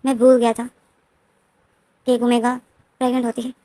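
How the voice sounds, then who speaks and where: A possessive older brother, played by a woman storyteller murmurs soft apologies. He talks plainly and a bit high, with no real remorse in the delivery. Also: fairly even intonation, normal speed, no room sound, natural voice. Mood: apologetic.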